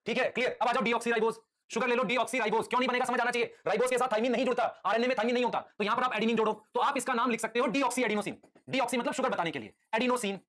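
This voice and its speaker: A male teacher lecturing live has a very high-pitched, slightly bright voice. He calls his students "beta" and patiently quizzes them with rapid questions he repeats several times.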